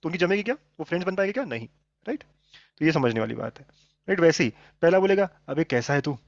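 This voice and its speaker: A man teaching maths live, mixing Hindi and English and coaxing his students along as he checks they follow. His voice sits somewhat high for a man. The sound is dull and lo-fi, with a dry, close feel. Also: lively intonation, racing, gravelly, dry recording. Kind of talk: live online class.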